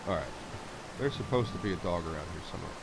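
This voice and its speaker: Playing a game on stream, a man from Texas and South Florida talks fast in a deep voice with lively intonation, chatting with viewers, addressing chat, and cooing at his pets. Faint background noise is audible.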